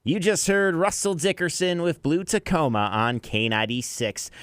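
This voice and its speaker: An American man DJs an afternoon music radio show, moving between songs and reading sponsor messages in a studio. Captured on a close broadcast mic without echo, his medium-pitched voice is clean and a bit bright.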